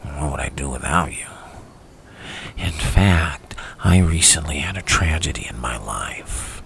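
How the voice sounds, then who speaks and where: A menacing clown criminal, rumbles in an extremely low, creaky whisper. He speaks slowly and theatrically, coaxing and taunting with unhinged playfulness, like an ASMR villain roleplay with faint hiss behind him. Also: lively intonation, a bit bright, heavily acted. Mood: mock-sorrowful menace. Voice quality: breathy, gravelly whisper with creaky rasp. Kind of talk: ASMR roleplay, dramatic monologue.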